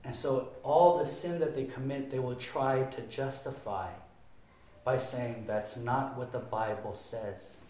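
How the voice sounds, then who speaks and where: A man preaching a sermon with passion, his voice swinging between loud emphatic stretches and quieter ones. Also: mid-range voice, steady tone, a little slow. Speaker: pastor. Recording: very echoey room.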